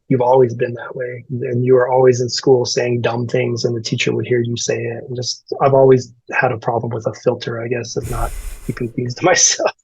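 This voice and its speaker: Firefighter guy in his 30s from el paso, pretty flat delivery, dry close sound, candid and kinda self-deprecating. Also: medium pitch, breathy edge, dry recording, dull audio. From El Paso, Texas. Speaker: firefighter guest. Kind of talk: podcast interview storytelling.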